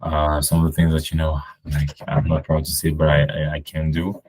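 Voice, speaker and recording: A man's voice: extremely low pitch, monotone, moderate pace, a little mellow, husky. A man from Cameroon, a podcast guest, talking casually and rambling with many fillers and restarts. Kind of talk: casual conversation.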